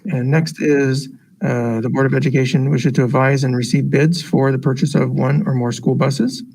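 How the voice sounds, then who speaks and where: A man's voice: medium pitch, vocal fry, a little mellow, breathy edge. An American man talking through a face mask, formally reading agenda items aloud as he chairs a board meeting. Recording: noisy meeting room recording.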